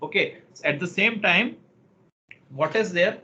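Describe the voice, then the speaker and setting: A man's voice: sits high, lively intonation, unhurried, pushed and bright. A man with an Indian accent lecturing to a class on law, often repeating phrases and checking understanding with questions. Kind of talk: interactive online lecture. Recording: muffled, clearly noisy online class audio.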